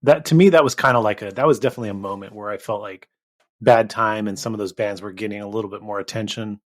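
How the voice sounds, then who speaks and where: A man's voice: lowish voice, fast. A man hosting a podcast, asking casual interview questions in a hesitant, roundabout way.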